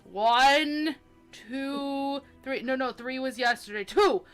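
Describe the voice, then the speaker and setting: A woman voicing a boastful, dim-witted male hunter who talks slowly and pompously. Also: fairly high pitch, lively intonation, sharp tone, soft background music. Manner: pompous, slow and self-admiring.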